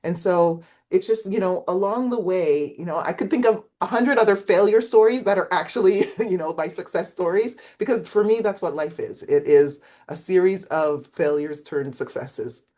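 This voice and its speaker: This middle-aged professor from Canada is an interview guest whose voice is fairly low and mellow, moving at normal speed with few pauses. She reflects and tells stories in the conversation, voicing the people she quotes.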